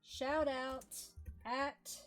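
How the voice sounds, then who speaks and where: A woman's voice: high-pitched, flat delivery, very slow, soft background music. A young woman streaming a book reading, giggly and chatty between passages.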